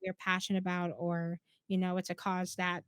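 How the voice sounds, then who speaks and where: A woman's voice: on the low side, completely flat delivery, normal speed, fairly bright tone, clear, resonant tone, no room sound. Upbeat woman hosting a casual interview. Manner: upbeat, enthusiastic, laughs often. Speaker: interview host.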